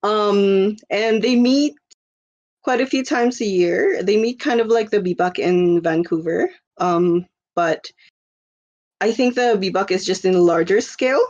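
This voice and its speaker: This podcast guest, a woman in her twenties from the Philippines, rambles through casual chat full of fillers and quick laughter. Her voice is medium-pitched and a little mellow at a measured pace, in dull audio.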